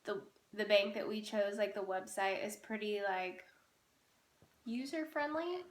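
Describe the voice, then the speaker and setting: A woman's voice: mid-range voice, animated, measured pace. A woman in her twenties chatting casually and teasingly in a home vlog. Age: 20s. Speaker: vlogger. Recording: echoey room.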